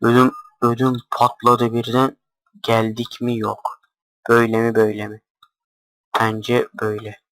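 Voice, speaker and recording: A man talks through his game in a low, gravelly voice that stays almost level. He speaks slowly and keeps his voice deliberately quiet, with a bright edge, and drops offhand curses as he plays. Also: completely flat delivery, no echo, rough recording. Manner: talks quietly on purpose, swears casually while playing. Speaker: gameplay commentator. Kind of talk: casual gameplay commentary.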